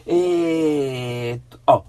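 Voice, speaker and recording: A man hosting a radio show in a casual rambling monologue, slangy and animated, breaking into mock-angry rants. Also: fairly high pitch, drawn-out words.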